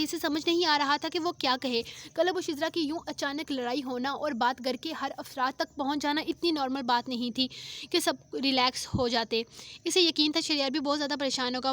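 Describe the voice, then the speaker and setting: A woman narrating a romance novel in a steady reading voice, with small restarts. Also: sits high. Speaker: novel reader.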